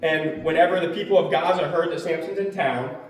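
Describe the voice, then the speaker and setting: A man's voice: on the high side, a little fast. A man casually teaching a Bible study, retelling the story in a conversational, emphatic way with fillers. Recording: echoey room from far off, faint noise.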